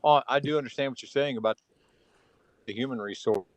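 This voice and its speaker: A mid-pitched man from Kansas speaks up in a formal meeting over a remote connection. His audio keeps breaking up, so his words reach the room in choppy fragments. The cutouts leave his remarks halting and hard to follow. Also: dry recording, low-quality recording. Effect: choppy, cutting-out online audio connection.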